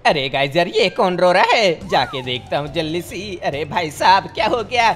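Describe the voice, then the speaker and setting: A man's voice: sits high, wildly swooping pitch, moderate pace, fairly bright tone. A man narrating a comedic game role-play, playful and dramatic. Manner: playful, dramatic, switches between silly character voices. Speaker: gaming video narrator. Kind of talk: comedic GTA role-play voicing cartoon characters.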